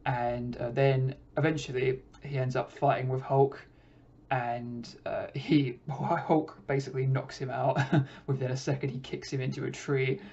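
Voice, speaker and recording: A man hosting a podcast, giving a casual, relaxed film review with frequent hesitations. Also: medium pitch, unhurried. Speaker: podcast host reviewing films. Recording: dull lo-fi recording.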